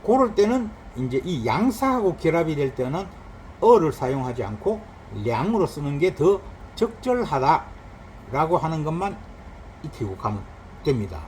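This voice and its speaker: A man's voice: a little high, slight background noise, rough recording. A man teaching a recorded Chinese grammar lesson, explaining patiently and drawing out spoken examples. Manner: lively explaining, drawn-out examples.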